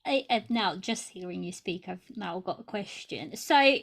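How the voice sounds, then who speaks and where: A woman's voice: mid-range voice, lively intonation, normal speed, gravelly. A woman, a podcast guest, talking eagerly in casual chat and filling her speech with "like" and "you know". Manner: eager, chatty, uses "like" and "you know" a lot.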